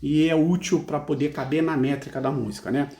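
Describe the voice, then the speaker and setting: Gravelly Brazilian man teaching English. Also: a little high, fairly even intonation, warm tone. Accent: Brazilian Portuguese. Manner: patient, tacks "né?" onto most phrases; reads English lines slowly and carefully. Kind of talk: explaining song lyrics line by line.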